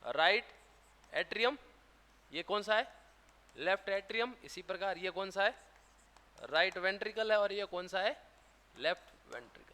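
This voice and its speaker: A man's voice: high-pitched, animated, a little slow, pauses often, sharp tone. A man teaching a classroom lecture with a Rajasthani Hindi accent, who keeps asking questions and answering them himself. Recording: long hall reverb.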